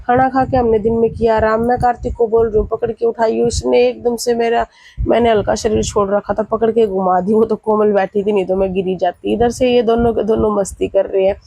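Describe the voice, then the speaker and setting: A woman's voice: on the high side, little pitch movement, fairly quick, vocal fry, warm tone, breathy edge, dry recording, muffled recording. A woman, feeling feverish and unwell, chatting through a vlog and retelling her family's talk. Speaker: vlogger. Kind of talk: casual vlog narration.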